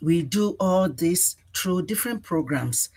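Low-voiced woman from Ghana. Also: animated, a little mellow, breathy edge. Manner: earnest, measured, with frequent uh fillers. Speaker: executive director, guest. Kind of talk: radio interview answers.

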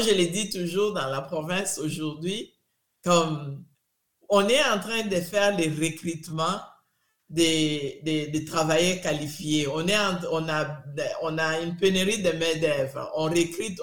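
A middle-aged woman from Congo with a Congolese French accent answering interview questions in a deliberate, emphatic way, often restarting and repeating words. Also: deep voice. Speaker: interviewee, immigrant community advocate. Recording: roomy echo.

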